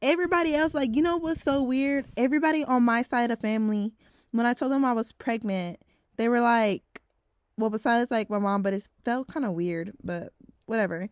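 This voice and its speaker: A woman's voice: fairly high pitch, a little fast, smooth, no echo, clean studio sound. A woman around twenty, talking frankly in a casual vlog, swearing now and then and saying "like" a lot. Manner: heavy use of filler "like". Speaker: vlogger.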